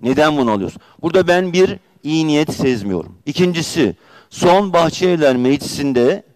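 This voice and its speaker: A man's voice: a little high, animated, moderate pace, darkish tone, no echo. A man speaking as a district mayor in a city council chamber, giving an indignant, emphatic speech and talking over interruptions.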